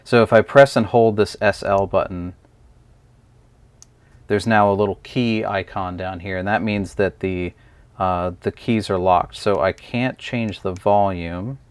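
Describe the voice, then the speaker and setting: A product reviewer with a fairly low voice walks through a gadget casually, unscripted and hesitant, pausing often at an unhurried pace. His intonation stays fairly even, and the close, dry recording has a clean tone with no room sound.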